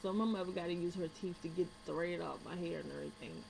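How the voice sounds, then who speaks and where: A young American woman vlogs a personal story for viewers, blunt, slangy and swearing freely as she animatedly acts out the dialogue. Her voice is on the low side, creaky and quick. The low-quality recording carries background hum and room noise.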